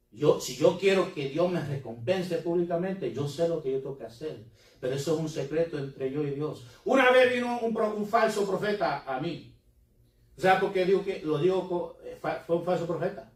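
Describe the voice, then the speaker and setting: A pastor preaches in a roomy, echoing church hall, his fairly high voice picked up from across the room. He slips English words into his talk as he preaches to the congregation. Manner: preaching with Spanish-English code-switching. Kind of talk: sermon. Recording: echoey room, mic from a distance.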